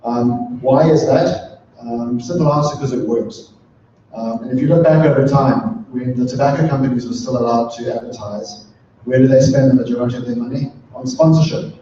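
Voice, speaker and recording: Middle-aged man, panel guest, halting with ums; dull, echoey recording. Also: mid-range voice, dark tone, a little hiss or hum. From southern Africa. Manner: thoughtful, many ums and restarts. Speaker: panel guest, sustainability consultant. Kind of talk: talk at a live event. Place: event room with an audience. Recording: echoey, distant, muffled room recording.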